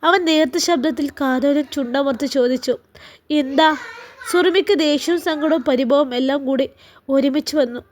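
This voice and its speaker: A woman narrating a serialized family story in a steady, emotive reading. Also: high-pitched, fairly quick, a little hiss or hum.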